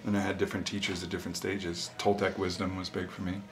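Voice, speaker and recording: A man's voice: deep voice, quick pace. A man in his thirties talking casually and reflectively, earnest and philosophical. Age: 30s. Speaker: interviewee, show host. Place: small sauna. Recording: echoey room with steady background noise.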